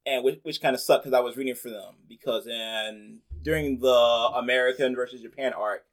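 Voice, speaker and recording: A man hosting a casual chat, rambling along in a relaxed way and filling his sentences with "like". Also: medium pitch, normal speed. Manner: chatty, rambling, many "like" fillers.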